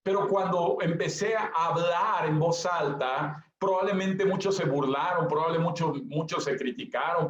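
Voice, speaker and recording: A male pastor preaches in a high-pitched voice, repeating his key lines and speaking straight to his congregation. The sound is dull and lo-fi, and it echoes through a church hall. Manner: emphatic repetition, addresses listeners directly. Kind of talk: sermon.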